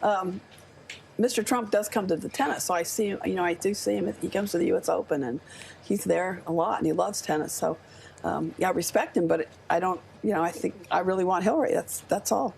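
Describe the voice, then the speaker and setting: Brief: older American woman guest in her seventies, gravelly and husky-edged, impassioned and earnest, live news desk. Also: lowish voice, fairly quick, darkish tone, slight background noise. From United States. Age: 70s. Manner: earnest, impassioned, speaks with conviction. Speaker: studio guest.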